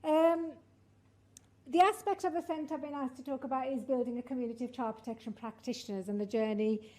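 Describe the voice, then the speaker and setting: A woman's voice: high voice, steady tone, brisk, a little mellow. A woman giving an informal conference presentation in front of an audience, with a hesitant delivery punctuated by frequent ums. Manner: addressing an audience, checking they can hear. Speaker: director of studies giving a conference talk.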